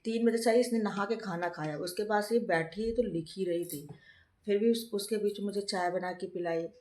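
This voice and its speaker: A woman's voice: medium pitch, moderate pace, a little mellow, echoey room. A woman who is a mother and vlogger, chatting casually at home while unwell with a fever. She tells a long story and often breaks into laughter. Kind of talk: casual home vlog chat.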